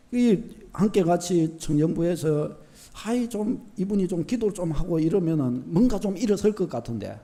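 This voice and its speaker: Animated pastor preaching. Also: male voice, sits high. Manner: animated, shifts from soft to loud, acts out short dialogues. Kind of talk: sermon. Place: church sanctuary.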